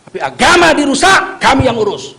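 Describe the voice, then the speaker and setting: A man delivers a fiery sermon in a remarkably high-pitched voice. He jokes with his listeners and keeps pressing them to answer back. His delivery is rousing, built on call-and-response with the crowd. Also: wildly swooping pitch, brisk, sharp tone. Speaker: Islamic preacher.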